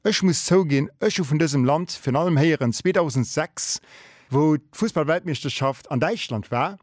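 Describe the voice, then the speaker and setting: Man, interview host, friendly, curious, higher pitch, dry. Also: lively intonation, normal speed, dry recording. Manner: friendly, curious, short follow-up questions. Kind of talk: interview hosting.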